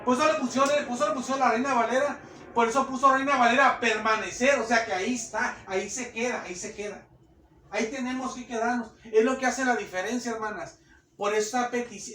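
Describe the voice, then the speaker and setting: High-voiced preacher in an echoey church. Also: male voice, a bit bright. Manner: conversational preaching, repeats phrases, acts out churchgoers' voices. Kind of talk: sermon. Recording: echoey room, distant mic.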